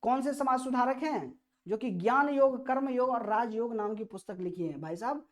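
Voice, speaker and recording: A woman with an Indian accent, her voice a little high and animated at a normal speed, works through a quiz-style history lesson for exam preparation. Questions are read aloud and explained, and she emphatically repeats key phrases.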